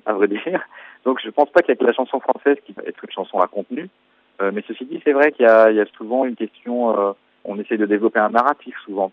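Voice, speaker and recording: A French man in his forties speaks quickly in a lowish voice, explaining his songwriting thoughtfully and pausing on fillers. The sound is narrow and tinny, like a phone line, with no room echo. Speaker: musician guest. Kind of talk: radio interview answers.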